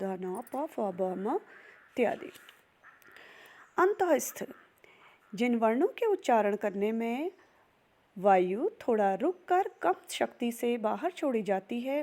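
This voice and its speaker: A woman's voice: a little high, mellow. A young woman giving a recorded grammar lesson, spelling out sounds one by one. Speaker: teacher.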